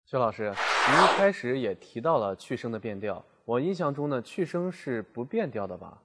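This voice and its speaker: A man's voice: mid-range voice, sing-song, moderate pace, fairly bright tone. A man co-hosting a lesson, politely putting questions to the teacher. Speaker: co-host asking questions. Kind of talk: scripted lesson dialogue.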